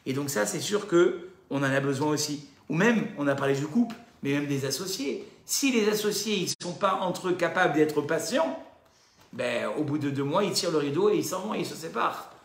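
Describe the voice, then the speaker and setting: A man giving a religious lesson, talking straight to his listeners with lively rhetorical questions. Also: a little high, brisk, reverberant. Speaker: religious teacher. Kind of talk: recorded Torah class lecture.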